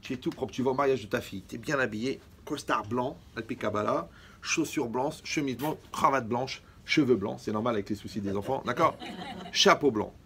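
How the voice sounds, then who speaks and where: Guy from morocco, rabbi doing a jokey lecture, gravelly voice, keeps asking if you're following. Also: medium pitch, brisk, a bit bright, slight background noise. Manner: joking, often checks in with the audience. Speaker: rabbi giving a holiday lecture. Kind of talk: lively religious lecture with jokes.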